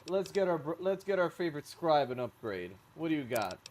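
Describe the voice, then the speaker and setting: A man's voice: on the high side, very animated, fairly quick, a little mellow, a little hiss or hum. A man streaming a game, chatting casually as he plays, rambling and correcting himself with sarcastic asides. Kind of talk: casual gameplay commentary.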